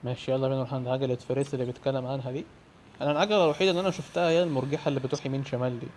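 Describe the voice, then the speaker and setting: A young man with an Egyptian Arabic accent doing fast, excitable commentary on a horror game, yelling and swearing when scared. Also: mid-range voice, slight background noise. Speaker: gamer.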